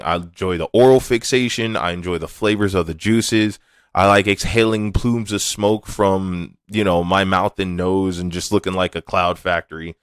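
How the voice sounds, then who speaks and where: A man's voice: low voice, no echo. A man hosting a podcast, talking alone in a candid, laid-back way and swearing casually. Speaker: podcast host. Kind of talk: casual monologue.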